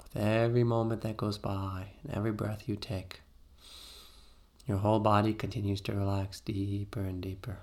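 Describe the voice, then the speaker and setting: A man with a fairly low voice guides a meditation, giving soothing, gentle instructions with pauses between phrases. His pitch stays mostly flat.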